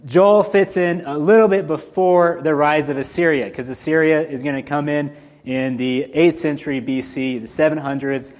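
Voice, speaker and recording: Southern-accented man preaching, slightly high voice. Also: steady tone, normal speed, darkish tone. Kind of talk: informal teaching sermon.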